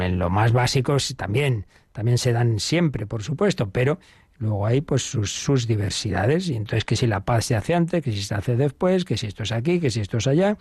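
A man's voice: mid-range voice, darkish tone, breathy edge, no room sound, studio quality. A man giving a catechism lesson, explaining patiently with rhetorical questions and frequent restarts. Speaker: priest teaching the catechism.

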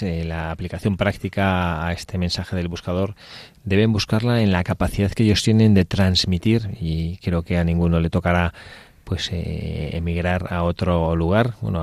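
Deep-voiced middle-aged man on religious radio. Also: steady tone, darkish tone, no echo. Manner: measured, reflective with frequent "¿no?".

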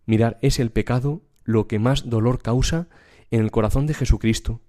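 A man's voice: medium pitch, moderate pace, dark tone. A man preaching a devotional sermon and reading a spiritual text aloud, in an earnest, emphatic cadence.

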